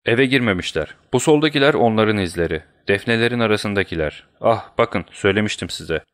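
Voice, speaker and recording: A man reading an audiobook who voices a brisk, commanding male detective, raising his voice above his narration. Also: fairly low pitch, expressive, a bit bright.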